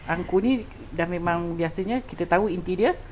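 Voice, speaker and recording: A woman's voice: on the low side, moderate pace, a little mellow. Chatty Malaysian woman chef. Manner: chatty, laughs often, mixes English into Malay. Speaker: chef and cooking show host. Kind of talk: casual cooking demonstration.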